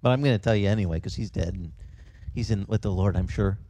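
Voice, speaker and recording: This man, whose first language was Italian, is preaching outdoors as a pastor, spinning his sermon into an animated, conversational story with quick asides and restarts. His voice is on the low side, and the background is noisy.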